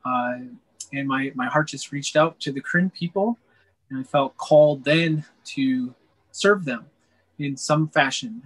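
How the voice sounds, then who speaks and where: A man from Wisconsin answering interview questions about his mission, earnest and steady with frequent "uh" fillers. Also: mid-range voice, measured pace, poor audio. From Wisconsin, USA. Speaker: missionary guest.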